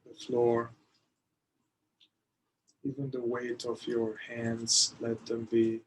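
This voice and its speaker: A man guides a meditation, offering calm, leisurely directions with lengthy pauses between phrases. His mid-range voice stays monotone, and the rough recording carries a faint hiss or hum.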